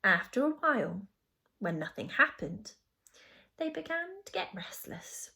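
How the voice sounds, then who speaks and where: A woman teacher reading a children's storybook aloud in an expressive storytelling manner. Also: fairly high pitch, a little slow, vocal fry.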